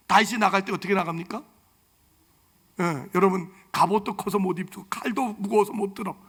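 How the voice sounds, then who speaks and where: A male pastor preaching a sermon in a church sanctuary, telling stories with animated delivery and joking with the congregation. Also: extremely high pitch, vocal fry, breathy edge.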